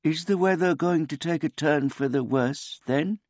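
Brief: a man putting on a gentle, simple-minded old man, polite and meek, voice raised well above his own, dull lo-fi sound. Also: a little high, normal speed, dry recording, pitched above the performer's own voice, close to an everyday voice. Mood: earnest. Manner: talks of himself in the third person, meek and courteous.

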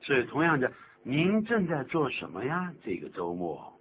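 On a tinny, phone-like radio recording with a faint hum, an English teacher hosting his program speaks at medium pitch with wildly swooping intonation and a moderate pace. He explains things patiently, joking around by exaggerating pronunciation.

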